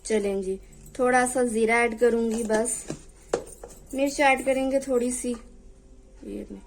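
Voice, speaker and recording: A woman's voice: a little high, fairly even intonation, unhurried, background noise. Chatty woman hosting a home cooking video. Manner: chatty, pleading for subscribers; talks while cooking, voice drops off-mic at times. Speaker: cooking channel host. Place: home kitchen.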